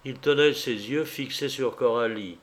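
A man reading a classic novel aloud, with an even, literary storytelling delivery. His voice sits at an ordinary mid-range male pitch, steady from sentence to sentence. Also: moderate pace. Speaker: audiobook narrator. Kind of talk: scripted narration.

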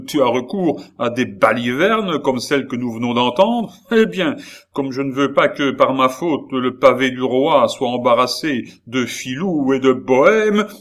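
A man reading an audiobook, voicing a furious, domineering old baron who shouts and blusters at those beneath him. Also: lowish voice, wildly swooping pitch, slow pace, few pauses, breathy edge, heavily acted. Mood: enraged. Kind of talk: audiobook character voice.

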